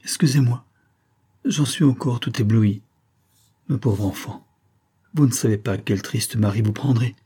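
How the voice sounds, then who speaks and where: A man's voice: medium pitch, a little slow, pauses often, dark tone, slightly rough. A man voicing a timid, dreamy man who answers in a hesitant, earnest way while reading a novel aloud. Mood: flustered.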